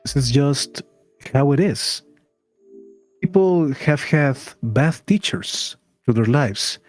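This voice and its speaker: A man giving opinions in a casual discussion, deliberate and emphatic, repeating phrases to press his point. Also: fairly high pitch, expressive. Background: background music.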